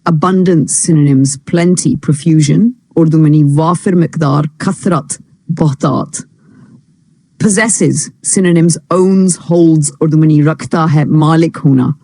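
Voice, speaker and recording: A teacher reads a textbook lesson at a very slow, deliberate pace. The voice is mellow and dark with a gravelly edge. The sound is dry and close. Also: mid-range voice, no room sound. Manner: reads each English phrase, then gives its meaning. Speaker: English teacher. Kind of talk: reading a textbook lesson with translation.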